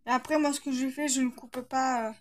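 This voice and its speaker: A woman's voice: high voice, steady tone, fairly quick. A woman with a slight lisp, hesitantly thinking aloud as she narrates a casual craft tutorial.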